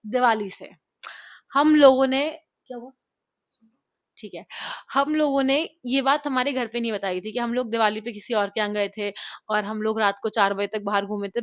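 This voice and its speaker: Animated young woman with a dry, close sound. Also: fairly high pitch, no room sound. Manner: animated, mixes English words into Hindi. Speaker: vlogger. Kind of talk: casual storytelling to camera. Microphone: clip-on mic, later camera mic after battery died.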